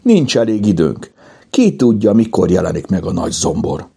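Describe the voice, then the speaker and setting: A man voicing an excitable, bossy young girl in a children's audiobook, with high, eager exclamations. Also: vocal fry, breathy edge, heavily acted. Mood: despairing.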